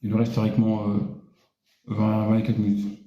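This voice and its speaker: Dark-voiced male teacher, roomy dull sound. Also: on the low side, completely flat delivery. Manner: explains patiently, repeating each word slowly. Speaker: English teacher. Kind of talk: live-streamed language lesson.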